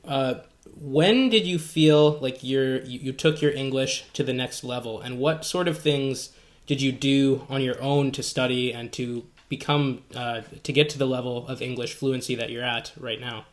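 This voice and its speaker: A man acts as interviewer in a casual conversation. His voice sits at an average male pitch. He builds longer questions in measured pieces, pausing as he goes. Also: steady tone. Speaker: interviewer, podcast host; English teacher.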